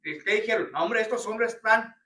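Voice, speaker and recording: A man's voice: high voice, fairly quick, pushed and bright. A man leading a church Bible study, asking the congregation questions and calling them "brothers" often. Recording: roomy church hall, picked up from a distance.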